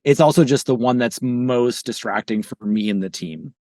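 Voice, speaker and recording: Fast-talking startup CEO, dry close sound. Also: male voice, mid-range voice, a little mellow, no room sound. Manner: fast, loose, full of restarts and fillers like "you know". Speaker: startup CEO, podcast guest. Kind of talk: casual podcast conversation.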